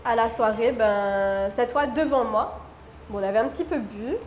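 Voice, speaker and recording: A woman from Réunion, a guest, telling a personal story in an expressive, dramatic way. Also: a little high, moderate pace, a little hiss or hum. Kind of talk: animated storytelling. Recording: roomy room with faint music.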